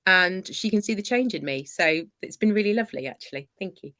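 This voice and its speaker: A woman's voice: medium pitch, expressive, a little fast, bright, forceful tone. A woman who works as a coach, sharing her experience on a group call in an earnest, hesitant way, with fillers and restarts. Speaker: coach and book club member. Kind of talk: casual group video call.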